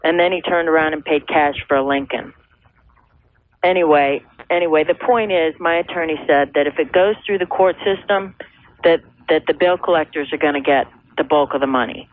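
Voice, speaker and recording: An American woman in her thirties calls in to a radio advice show, describing her situation earnestly and somewhat hesitantly in conversational phrases. Her voice is low and moderately paced, and the dry recording comes through as a thin telephone line on an old radio tape.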